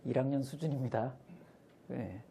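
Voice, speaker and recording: A man's voice: mid-range voice, moderate pace, gravelly, warm tone, a little hiss or hum. A man training church school teachers, telling humorous stories and acting out the children's voices.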